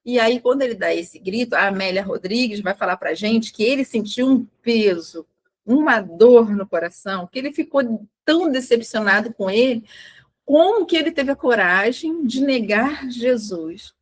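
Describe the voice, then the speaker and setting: Woman, higher-pitched voice, earnest spiritual study talk, retells scripture with restarts. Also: expressive, moderate pace. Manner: earnest storytelling, voicing quotes with restarts. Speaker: study group speaker.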